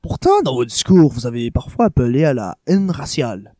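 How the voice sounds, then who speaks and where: A man's voice: mid-range voice, big pitch swings, brisk, warm tone, no echo, clean studio sound, natural voice. A man voicing an eager journalist asking a pointed question. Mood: probing. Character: eager American journalist, probing.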